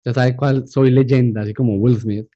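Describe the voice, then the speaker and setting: A man's voice: mid-range voice, steady tone, moderate pace, mellow. A man hosting a podcast interview, asking questions with joking, teasing remarks. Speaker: podcast host. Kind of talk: casual interview chat. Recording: dull lo-fi sound.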